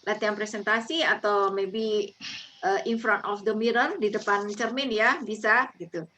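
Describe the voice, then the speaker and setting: A woman's voice: medium pitch, fairly even intonation, moderate pace, bright, forceful tone, slight background noise. Woman teaching an online class on presentations, chatty, lots of ums and restarts, mixes in english, video call sound. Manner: chatty, with many fillers and slips, mixing in English phrases. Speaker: lecturer teaching presentation skills.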